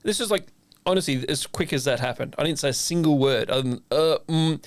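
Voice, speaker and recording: A man's voice: fairly high pitch, a little fast, clear, resonant tone, no room sound. An Australian man, a chef and podcast co-host, chatting casually and animatedly acting out both sides of a conversation, with frequent swearing. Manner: swears freely. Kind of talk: casual chat.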